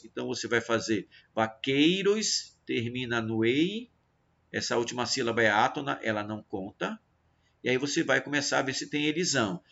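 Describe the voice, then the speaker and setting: A man gives a literature review lesson with a gravelly, creaky voice. He speaks directly to his students and slows down to count syllables one by one. The recording is dull and lo-fi. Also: medium pitch, a bit bright. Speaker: teacher. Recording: dull lo-fi audio.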